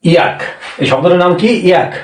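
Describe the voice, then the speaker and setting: Male language teacher, slightly high voice, patient and repetitive, roomy sound set back from the mic. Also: far from the mic. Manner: slow, repeats each point, asks questions and answers them himself. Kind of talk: spoken language lesson.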